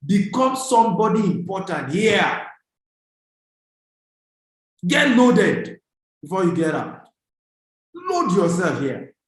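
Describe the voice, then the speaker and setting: A man with a Nigerian accent delivers an emphatic motivational business talk to an online audience, urging them on and repeating key phrases. His voice sits high and swings widely in pitch, and he speaks slowly with frequent pauses. The room is very echoey and reverberant.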